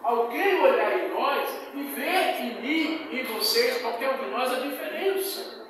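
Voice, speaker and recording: A man's voice: very high-pitched, lively intonation, measured pace, fairly bright tone, slight background noise. A male pastor preaching a sermon with emphatic, repeating phrases and personal testimony. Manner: tells personal testimony with quoted dialogue. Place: church hall. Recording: echoey hall recorded from far off.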